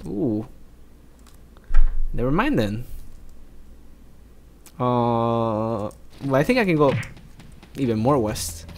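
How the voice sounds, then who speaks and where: A man's voice: mid-range voice, big pitch swings, takes it slowly, pauses often, slight background noise. A young man from South America giving jokey, rambling let's play commentary while he plays. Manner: rambling, jokey, talks to himself.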